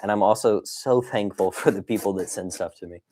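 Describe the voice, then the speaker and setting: Talking fairly quickly in a dark, fairly low voice, the host of a toy dinosaur collecting channel banters playfully with his livestream viewers. He reads messages aloud and wanders off into exclamations and asides.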